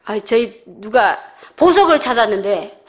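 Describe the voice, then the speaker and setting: A middle-aged woman shares her church testimony in a slightly high voice. She tells her story with animated energy, acting out other people's voices and laughing along the way. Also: a little slow. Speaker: church member giving testimony. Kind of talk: personal testimony.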